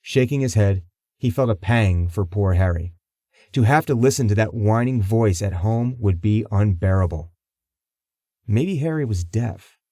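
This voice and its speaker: A man narrating a crime audiobook in a measured, even storytelling manner. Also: on the low side, dry recording, clean studio sound. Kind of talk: scripted narration.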